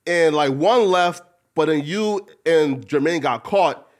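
Hyped-up bro-talking male interviewer, higher voice. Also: slow. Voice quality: slang-heavy speech. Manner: hyped-up bro talk, repeatedly saying bro, like and right. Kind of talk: casual street interview.

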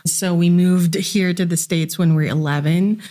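A woman in her forties from the Philippines talks as a guest in a relaxed interview. Her voice sits a bit low, and she laughs often as she speaks. Her talk is friendly and conversational. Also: normal speed. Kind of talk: casual interview chat.

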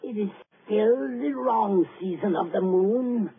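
An actor playing a superstitious old-world physician with a croaking voice, in 1940s radio acting style. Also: male voice, high voice, heavy background noise. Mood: grave. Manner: slow, grave, doom-laden. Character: gloomy superstitious foreign doctor. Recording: tinny old radio broadcast.

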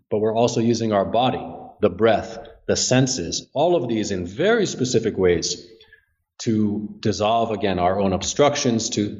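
A man who is an author and Zen teacher, answering interview questions in a measured, earnest way and often repeating words as he thinks. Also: lowish voice, darkish tone, lo-fi sound. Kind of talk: podcast interview.

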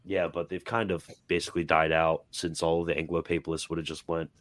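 A man with a hoarse voice, chatting casually and explaining at length in a group talk. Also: deep voice, level tone, fast, no echo. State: hoarse, coughing.

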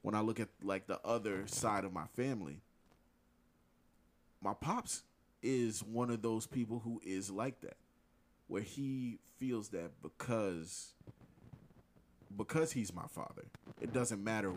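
A young man in casual chat who talks in a measured, thoughtful way. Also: fairly low pitch.

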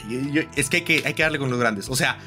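A man's voice: medium pitch, fast, sharp tone, faint music behind. A man with a Guatemalan accent co-hosting a football podcast, chatting with enthusiasm and frequent laughter. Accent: Guatemalan Spanish. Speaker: podcast co-host. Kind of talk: casual football chat.

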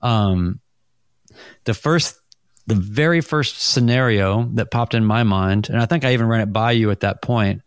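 A man's voice: on the low side, normal speed, smooth, no echo, clean studio sound. A middle-aged man hosting a casual podcast chat, rambling and self-deprecating, laughing often, on a mic over a video call. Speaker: podcast host.

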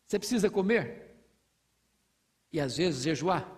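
A man's voice: on the high side, expressive, a little slow. A man preaching an expository sermon, teaching with rhetorical questions and building to fervent proclamation.

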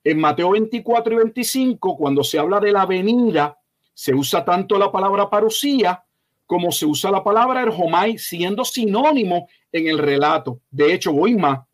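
Pastor guy with a high voice, slow deliberate teaching, keeps stressing what's false. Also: lively intonation. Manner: emphatic, corrective, measured explanation; slow, deliberate delivery with frequent hesitations. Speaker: pastor, guest expert. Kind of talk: teaching interview answer.

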